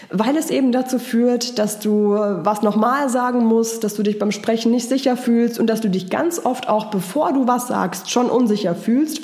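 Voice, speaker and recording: A woman's voice: mid-range voice, dark tone, echoey room. A woman voice and charisma trainer, coaching live and answering viewer comments in an encouraging, patient way. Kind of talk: live-stream coaching talk.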